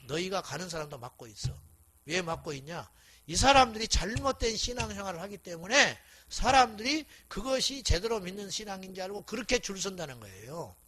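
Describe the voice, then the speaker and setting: A man's voice: high-pitched, very animated, fairly quick, sharp tone, breathy edge. A man preaching a revival sermon as a pastor, blunt and scolding, firing rhetorical questions at the congregation.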